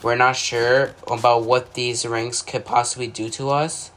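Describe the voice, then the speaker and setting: A man's mid-range, fairly bright voice moves little in pitch and stays unhurried as he reads like an announcer. The narration is amateur and scripted, a mock emergency broadcast of his own fictional alert scenario as a video creator, with occasional stumbles. Noticeable background noise is present.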